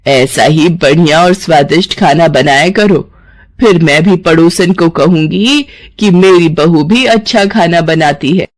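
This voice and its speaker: A woman voicing an older mother-in-law in a cartoon, who was stern and has turned tender, with a slow, measured way of scolding. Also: lowish voice. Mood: teasing. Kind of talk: cartoon voice acting.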